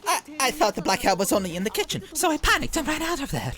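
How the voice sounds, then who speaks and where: A man's voice: extremely high pitch, sing-song, fast talker, voice pushed up. A man reading the lines of a boastful young male chef under suspicion, stammering defensively. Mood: flustered.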